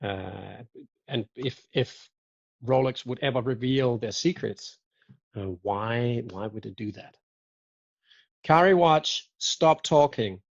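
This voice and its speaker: A guest watch collector chats casually on a video call in a slow, gravelly, medium-pitched voice, joking, laughing often, and rambling into asides. The video call mic gives dull, dry lo-fi audio.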